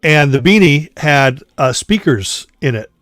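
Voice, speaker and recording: A man chatting on a casual show, quick and eager as he rattles on about music he loves. His voice sits a little high for a man. The sound is close and dry, with no room around it. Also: lively intonation, a bit bright, no room sound. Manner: quick, enthusiastic music-fan talk. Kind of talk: casual chat.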